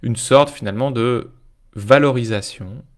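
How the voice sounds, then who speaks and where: A man's voice: mid-range voice, unhurried. Male life coach, casual live-stream talk, speaks straight to viewers and keeps asking if they follow. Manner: informal, addresses viewers directly, often checks in with "ok?".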